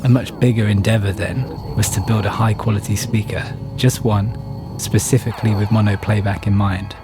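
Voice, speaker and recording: Music accompanies a man as he tells his own story in a scripted first-person narration. His voice sits lowish, his intonation fairly even, and he talks at a normal speed.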